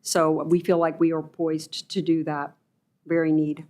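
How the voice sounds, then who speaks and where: A woman giving a formal prepared presentation to a board as a school representative, in deliberate, measured phrases. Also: sits low, level tone, a little mellow.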